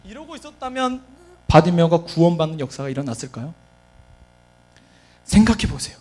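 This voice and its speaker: A man preaching a sermon as a junior pastor, animated, asking his listeners questions and answering them himself. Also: on the high side, fairly quick, soft background music. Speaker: junior pastor of a children's department.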